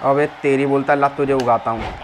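A man's voice: medium pitch, steady tone, brisk. A man giving casual, rowdy commentary on a wrestling video game, mocking the wrestlers and the referee as he plays. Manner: rowdy trash-talking, mocks the figures on screen. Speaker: gameplay commentator. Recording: game crowd roar and game noise behind. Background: wrestling game crowd and sound effects.

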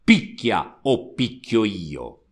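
A burly, hot-tempered village mayor voiced by a man in a storybook reading. He growls his lines through clenched teeth, slowly, with lively swings in pitch. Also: heavily acted. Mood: furious. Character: gruff burly communist mayor, angry man.

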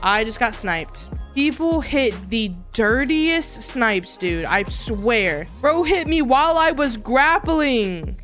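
A woman giving excited gameplay commentary in a hyped, slangy gamer-bro manner. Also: fairly high pitch, takes it slowly, hardly any pauses, faint music behind. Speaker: gamer, video host.

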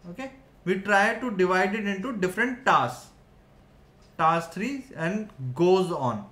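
A software engineering teacher in his thirties explains a whiteboard tutorial in a high, bright, forceful voice. He keeps checking in with listeners, dropping frequent "right?" and "okay" as he goes, and the room around him is echoey.

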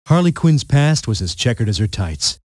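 A man's voice: mid-range voice, very animated, moderate pace, darkish tone, dry recording, studio quality. A man narrating a storybook game in a playful, punning storyteller manner.

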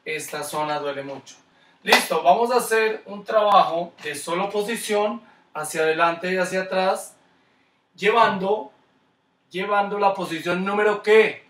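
A man's voice: sits high, measured pace, a bit bright, echoey room, far from the mic, a little hiss or hum. A man with a Colombian Spanish accent teaching a kids' skating class online, coaching with encouraging, repeated cues. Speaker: skating instructor.

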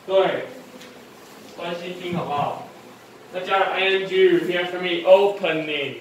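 A man with a high, unhurried voice runs a one-on-one English phonics drill, saying every sound twice and scolding any lapse in attention. The room is very echoey, he is far from the mic, and there is faint noise.

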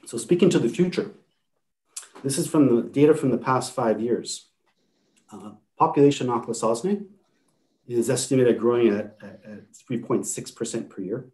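A man presenting slides to a panel over a video call, speaking haltingly with many repeated words and fillers. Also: medium pitch, mellow.

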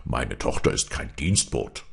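A man voicing a gruff, drowsy farmer father in a fairy-tale reading. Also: extremely low pitch, lively intonation, a little slow, voice pushed down, heavily acted. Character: gruff sleepy middle-aged farmer father.

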